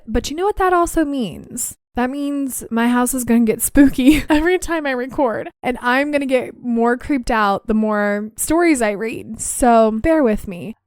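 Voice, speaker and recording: A young woman with a fairly high, clean voice hosts a podcast, recorded at studio quality with no room sound. She chats casually, laughs easily, and then reads listener stories aloud.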